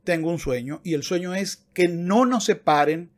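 In a book-lined room at home, a man in his thirties speaks at a moderate pace in a high-sitting voice, emphatic and argumentative, like opinionated video commentary with passages read aloud. His desktop microphone is close in front of him.

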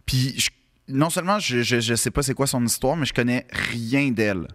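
A man with a Quebec French accent telling a comic story in casual podcast chat, animated and halting, full of restarts and repeated words. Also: mid-range voice. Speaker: podcast co-host.

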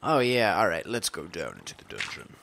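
A playful host talking through a game session, with a voice that swoops from low mutters up to high squeals. The talk is chatty and unscripted, full of joking asides to themself. A faint hiss sits under the voice. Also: huge pitch swings, fairly quick, gravelly, fairly bright tone. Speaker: let's play host. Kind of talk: casual gameplay commentary.

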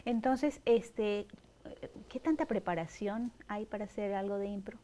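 A woman's voice: mid-range voice, unhurried. A middle-aged woman hosting a cultural TV interview program, introducing her guest formally and prompting her with questions. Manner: warm formal presenter, frequent backchannel. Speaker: TV host. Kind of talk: studio interview. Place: TV studio. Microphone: lapel mic.

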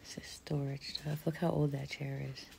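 Vlogging a ghost hunt in a large old cellar, a middle-aged paranormal vlogger chats nervously and swears casually. She has a deep, gravelly, slightly mellow voice with little pitch movement and a moderate pace, over slight background noise. The recording comes from a camera on a tripod, then handheld, far away in an echoey basement.

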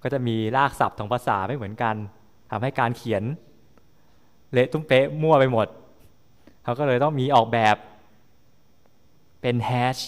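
A male lecturer talking through a technical topic in a classroom. His voice is mid-pitched and carries a long reverb from the lecture hall. He keeps checking that students follow, with frequent tag questions. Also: normal speed, long pauses. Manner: explanatory, often checking understanding with tag questions. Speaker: university lecturer.

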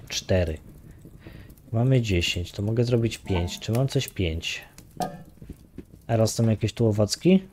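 A man's voice: lowish voice, a little mellow, a little hiss or hum. A man casually talking through his own game play, muttering counts and grumbling with light swearing. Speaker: gaming YouTuber. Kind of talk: casual let's-play commentary.

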